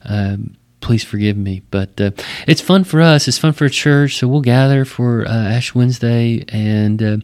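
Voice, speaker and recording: A man with a West Texas twang, explaining things conversationally and thoughtfully like a pastor, often pausing mid-phrase. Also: medium pitch, darkish tone. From West Texas, United States. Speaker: Baptist pastor.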